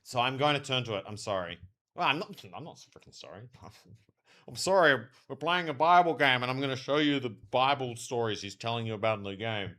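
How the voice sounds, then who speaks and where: A man livestreaming a game and chatting casually with viewers, speaking with a strong lisp from wearing a retainer in an animated, slangy way. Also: medium pitch, fast talker, few pauses. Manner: animated, slangy, talks to chat. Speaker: live streamer, theologian. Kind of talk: casual livestream chat over gameplay.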